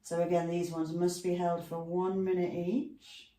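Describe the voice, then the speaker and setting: A woman instructor chats her way through stretches for a class at home, dropping lots of asides between cues while a dog is nearby. Her lowish, warm voice is unhurried with little pitch movement. The room is echoey and the mic sits far away.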